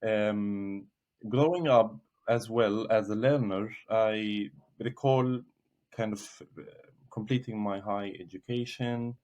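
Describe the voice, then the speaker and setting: Low-voiced thoughtful man from Gaza. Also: darkish tone, dull audio. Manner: measured, thoughtful, frequent hesitations. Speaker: podcast guest, researcher. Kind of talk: reflective interview answers.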